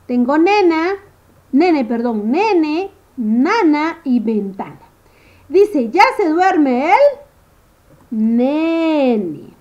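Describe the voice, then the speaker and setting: A high, bouncy woman's voice teaching small children, her pitch swooping up and down as she drawls each word slowly. Her tone is mellow and soft. The sound is dull and lo-fi, like a home recording. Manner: slow, sing-song teacher talk, stretching words, asking "¿sí?". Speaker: primary school teacher. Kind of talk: remote first-grade phonics lesson.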